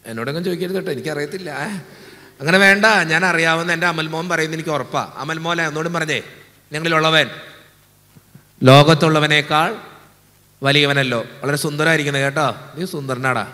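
A man's voice: fairly high pitch, quick pace, bright, forceful tone. A man, a Keralan priest, preaching a casual, teasing sermon and leading his congregation in call-and-response. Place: church. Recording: echoey hall.

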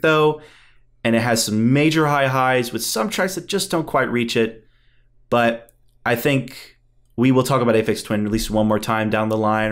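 Eager, mid-pitched male podcast co-host, quick to laugh. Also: fairly bright tone. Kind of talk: casual album review chat.

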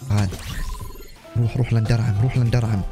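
Guy yelling over his game, super quick and bouncy, music going behind. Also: medium pitch. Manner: animated, laughing, shouting at the game. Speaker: gaming YouTuber. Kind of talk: excited gameplay commentary.

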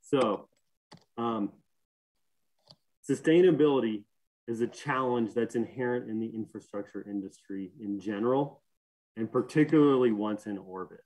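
In a low-quality video-call recording from a webcam or laptop mic, a young man delivers a technical conference talk from home as a systems engineer. His medium-pitched, slightly mellow voice moves at normal speed and pauses often, explaining earnestly amid many fillers and restarts.

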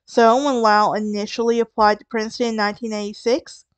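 A woman's voice: a little high, flat delivery, fairly quick, smooth, dry recording. A woman with a Southern US accent, narrating a true crime podcast in a conversational way, with wry asides and restarts. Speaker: podcast host.

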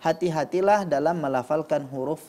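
Male judge, calm instructive critique, demonstrates pronunciation. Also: fairly high pitch, brisk. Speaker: Quran recitation judge. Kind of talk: spoken critique of recitations.

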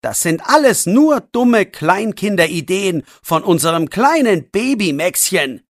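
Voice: medium pitch, sing-song, unhurried, dry recording, clean studio sound. A narrator voicing an irritated teenage boy who scolds and mocks his friend in a learner's audiobook. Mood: sarcastic. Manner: scolding, sarcastic. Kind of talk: audiobook role voice.

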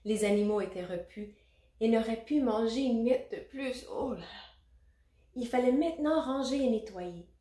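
A woman reading a children's picture book aloud, expressive and adding little asides for children. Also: a little high, normal speed. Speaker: storybook reader. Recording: roomy echo.

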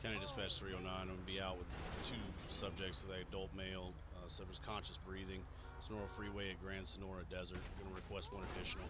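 An American man role-playing a sheriff's deputy in a game, giving radio calls and banter in a steady, deadpan way with casual swearing. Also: sits low, fast. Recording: noisy game sound, vehicles behind. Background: game vehicles and street ambience.

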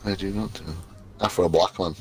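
Sweary man with a very deep voice. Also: steady tone, moderate pace, vocal fry, soft background music. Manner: sweary, blokey. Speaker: gamer coaching a friend. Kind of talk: casual gaming chat.

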